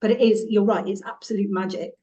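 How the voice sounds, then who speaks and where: A woman's voice: mid-range voice, fairly even intonation, quick pace, dark tone, dull audio. A woman guest on an early years podcast, explaining in a fluent, teacherly way. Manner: fluent, explanatory, slips into a sing-song voice for examples. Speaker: guest from a children's music and movement company. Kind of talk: podcast interview.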